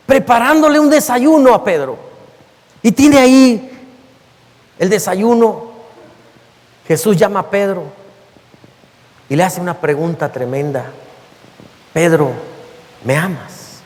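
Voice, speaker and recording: A Mexican pastor preaches in a voice that sits high for a man, pressing each point home and stretching out key phrases. His sermon rings through a church with a long, lingering reverb that trails after every line. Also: darkish tone. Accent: Mexican Spanish. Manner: emphatic preaching, calls the listeners beloved, slows down for weight. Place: church sanctuary.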